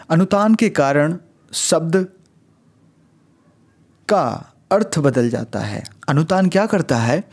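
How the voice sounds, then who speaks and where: A man teaching an exam-prep lesson, explaining slowly and patiently and repeating key phrases. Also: fairly high pitch, darkish tone. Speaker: Hindi teacher.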